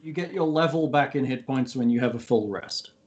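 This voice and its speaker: A man runs a tabletop game as its game master. His pitch is average and his talk is casual and conversational. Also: brisk, a little mellow.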